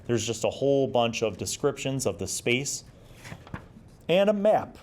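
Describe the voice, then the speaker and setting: A middle-aged man with a medium-pitched, somewhat mellow voice hosts a review series, very animated yet unhurried. He rambles informally and enthusiastically while paging through a magazine, commenting as he goes. There's a little hiss or hum on the recording.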